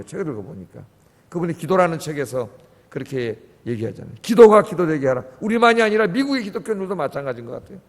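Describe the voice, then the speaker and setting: A man pastor preaching a dawn sermon in a church, moving from soft asides to loud pleading passages. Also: on the high side. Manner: impassioned, swings from quiet asides to loud pleading. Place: church sanctuary. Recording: long church reverb.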